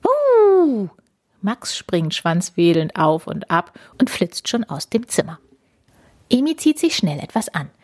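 A woman hosting and reading a storybook aloud to children in an animated, kid-friendly manner. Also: on the low side, slightly rough, no room sound, clean studio sound. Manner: warm, animated storytelling for kids.

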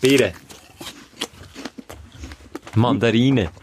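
A man's voice: mid-range voice, drawn-out words, a little hiss or hum. A man with a Swiss German accent co-hosting a podcast in casual chat, joking and teasing. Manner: joking, teasing, laughs often. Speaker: podcast co-host.

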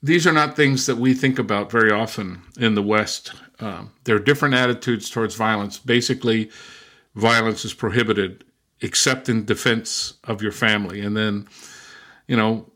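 An older man, a professor and former missionary, answering interview questions with reflective anecdotes and a loud lecturing habit. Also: on the low side, steady tone, normal speed. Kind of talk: conversational interview storytelling.

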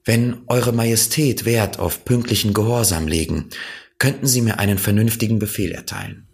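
A man voicing a small, curious boy prince who speaks in an earnest, gentle, wondering way in an audiobook reading. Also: on the low side, normal speed, vocal fry, pitched above the performer's own voice. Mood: polite.

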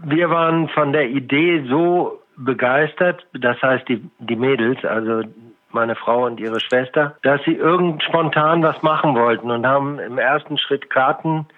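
A man's voice comes through a thin, tinny phone line at a medium pitch. He is a volunteer guest on the call, explaining things in a calm, steady, measured way. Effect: voice heard over a telephone line. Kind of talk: calm explanation to podcast hosts.

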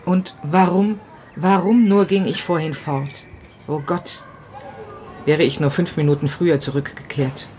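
A woman reading the part of a grief-stricken, tormented man in a first-person literary novella, halting and repeating herself, dropping to whispers and rising in outbursts. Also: low-pitched, fairly even intonation, mellow, a little hiss or hum. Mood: grieving, desperate. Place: city balcony, outdoors.

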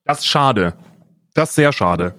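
A man trading jokes as co-host of a loose podcast chat, playfully mimicking other people along the way. His voice sits at an ordinary middle pitch. The sound is dry and close, with no room echo. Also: expressive, measured pace, fairly bright tone. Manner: jokey, mimics voices and accents. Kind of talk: casual banter.

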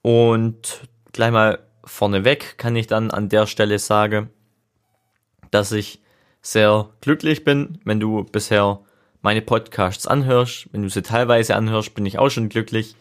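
A man's voice: on the low side, fairly even intonation, a little slow, smooth. A young man talking casually and reflectively on a solo podcast, thinking aloud in an informal, rambling way. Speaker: podcast host. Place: seated, leaning back in a chair.

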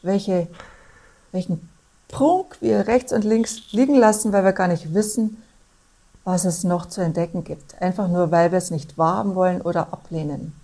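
A woman talking as a guest in a reflective conversation, speaking thoughtfully and often pausing to find her words. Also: lowish voice, warm tone.

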